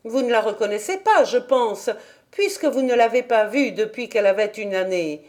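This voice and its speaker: A woman voicing a hasty, defensive young woman who speaks quickly and insistently. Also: fairly high pitch, expressive, a little mellow, close to an everyday voice.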